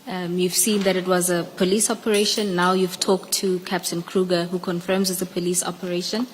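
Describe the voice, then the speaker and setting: A woman's voice: lowish voice, flat delivery, a little fast. A woman with a South African accent formally questioning a witness at a hearing. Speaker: evidence leader questioning a witness. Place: large indoor hearing room. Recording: echoey hearing room, background noise.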